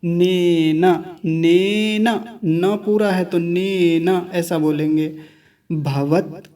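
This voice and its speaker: Male Sanskrit teacher, measured and patient, repeats words syllable by syllable, a bit higher pitch, recorded slightly off-mic. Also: steady tone, warm tone, distant mic. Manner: slow, deliberate syllable-by-syllable demonstration; contrasts wrong and right pronunciations repeatedly. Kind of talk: recorded online class.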